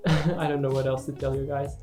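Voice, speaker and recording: A low-voiced woman, not a native English speaker, talks casually over a gaming video with guitar music behind her. She is hesitant and self-deprecating, and her delivery stays quite flat. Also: normal speed. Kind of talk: casual unscripted voice-over commentary.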